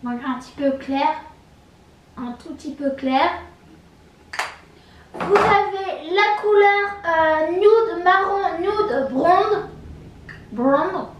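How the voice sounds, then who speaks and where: A woman with a very high voice presents makeup shades one by one, pausing on fillers and repeating each name. She sounds set back from the mic in a strongly echoing room. Her delivery is slow and halting. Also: animated, recorded from a distance, slight background noise. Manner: hesitant, many fillers, repeats colour names. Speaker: makeup vlogger. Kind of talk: casual product show-and-tell. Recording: roomy echo, from off the mic.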